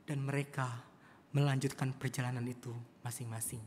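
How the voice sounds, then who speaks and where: A man's voice: medium pitch, level tone, a little fast, darkish tone, a little hiss or hum. A male preacher telling a story in a church sermon, often addressing the congregation. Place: church service. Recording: long church hall reverb.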